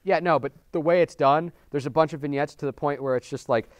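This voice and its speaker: A man co-hosting a film review show, joking and talking to the viewers in an animated, casual way. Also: fairly high pitch, brisk, clean tone, no echo. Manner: animated, jokey, talks to viewers as folks. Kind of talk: casual movie review chat.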